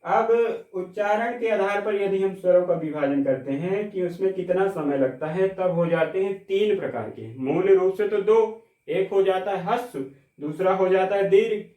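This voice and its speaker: A man teaching a Hindi grammar class, explaining step by step, checking with the class, and stretching out sounds slowly to demonstrate them. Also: high voice, mellow, recorded from a distance. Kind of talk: classroom lecture. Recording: echoey room, mic set back.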